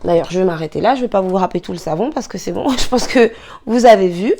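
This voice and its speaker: A woman chatting casually in a how-to beauty vlog, rambling with many fillers and restarts and apologizing in quick asides while she works with her hands. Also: mid-range voice, animated, dark tone, a little hiss or hum. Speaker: beauty vlogger.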